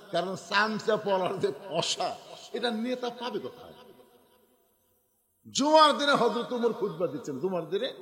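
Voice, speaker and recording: High bright preacher man, sing-song waz, booming PA echo with a long tail. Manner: sing-song preaching, swinging between soft and shouted lines. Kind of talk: Bengali waz sermon with acted storytelling. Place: large open-air gathering. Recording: echoey hall-like reverb from a PA.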